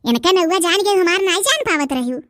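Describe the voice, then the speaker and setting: A woman's voice: very high-pitched, lively intonation, brisk, a bit bright, no echo, clean studio sound. A woman voicing a quarrelsome village woman in a cartoon, haggling and complaining about prices in a rustic Awadhi accent. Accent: Awadhi, eastern Uttar Pradesh. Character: bargaining village woman, adult, loud and quarrelsome. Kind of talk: cartoon dub voice acting.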